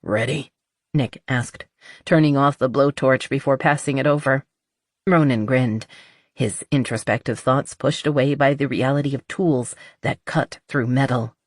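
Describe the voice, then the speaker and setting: Woman narrator, low voice, husky tone, dry close sound, measured audiobook reading. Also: fairly even intonation, no room sound. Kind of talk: scripted narration.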